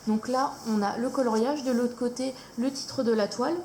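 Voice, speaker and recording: A woman vlogger casually showing her coloring books, hesitant with many fillers and pauses. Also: a little high, steady tone, darkish tone. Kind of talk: casual show-and-tell chat. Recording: echoey room, faint noise.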